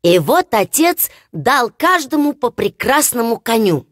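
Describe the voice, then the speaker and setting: Slow, lively woman telling a fairy tale. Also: a little high, no room sound, clean studio sound. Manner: expressive, storytelling. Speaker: audiobook narrator. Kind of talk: scripted fairy-tale narration.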